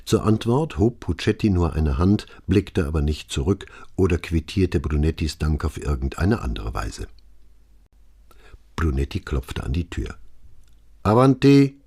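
Deep, husky male audiobook narrator. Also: animated, a little slow, mellow. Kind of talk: scripted narration.

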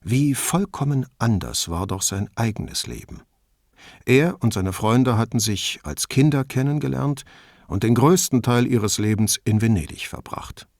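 A man narrating a novel as an audiobook reader, with an expressive, measured reading. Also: mid-range voice, no room sound, studio quality. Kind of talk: scripted narration.

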